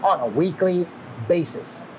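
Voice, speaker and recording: Energetic male show host. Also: sits high, a little slow, a little hiss or hum, rough recording. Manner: casual and energetic, with short affirmations. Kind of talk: upbeat show hosting. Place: small restaurant kitchen indoors. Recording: background music.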